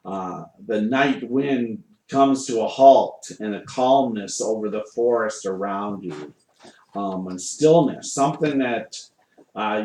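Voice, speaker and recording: A man running a tabletop game as game master, improvising narration haltingly as he searches for words. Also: medium pitch. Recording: echoey room.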